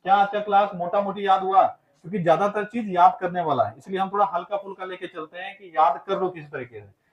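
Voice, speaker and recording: High-voiced teacher drilling class. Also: male voice, a little fast, lo-fi sound. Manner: drills students with repeated call-and-response questions; chants answers in a loud, laughing sing-song. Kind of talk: exam-prep class lecture.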